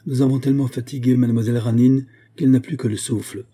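A man voicing an older princess and mother, dignified and stern yet tender, in a measured, serious tone. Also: mid-range voice, fairly even intonation, warm tone, pitched above the performer's own voice, natural voice. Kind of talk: audiobook character voice.

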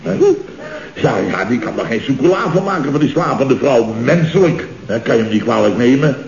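A man's voice: medium pitch, animated, brisk, crowd noise, close to an everyday voice. Jovial chatty boss guy played by a man, old radio comedy, muffled and echoey. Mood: jovial, rambling. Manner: rambling, jovial storytelling with many asides. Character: chatty boastful male construction firm boss. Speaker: boss of a contracting firm. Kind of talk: 1960s radio comedy acting. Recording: dull, roomy old radio recording.

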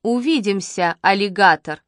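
A woman voicing a secretive, defiant schoolgirl of about eleven who answers in short, sharp replies in an audiobook reading. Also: medium pitch, unhurried, no room sound, clean studio sound, close to an everyday voice. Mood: bossy. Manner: curt, sharp-tongued.

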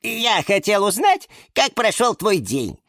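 A man doing a fussy, squeaky lemon plant. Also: slow pace, no room sound, studio quality, exaggerated voice. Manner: excitable, shrill when upset. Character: fussy know-it-all lemon houseplant, male.

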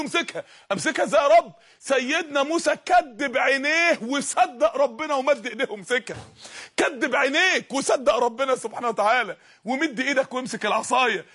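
In a slightly bright, extremely high-pitched voice, a man with an Egyptian Arabic accent preaches an impassioned Islamic sermon. He keeps exhorting those listening to him.

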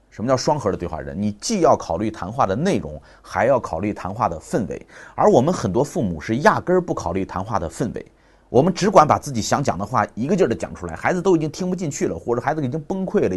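A man in his thirties giving a public talk on parenting, telling family stories and acting out the dialogue. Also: lowish voice. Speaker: parenting speaker.

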